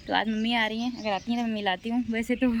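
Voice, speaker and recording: Soft-spoken young woman vlogging, birds behind. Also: a little high, fairly even intonation, quick pace, slight background noise. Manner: soft, emotional, reflective storytelling. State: recovering from illness. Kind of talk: casual vlog talk to camera. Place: at home, near singing birds. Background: birds chirping.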